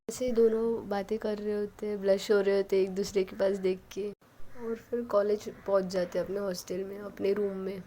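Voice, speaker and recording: A woman's voice: mid-range voice, gravelly, dark tone, slight background noise, low-quality recording. A woman narrating a love story in a casual style, speaking all the characters' lines herself in her own voice.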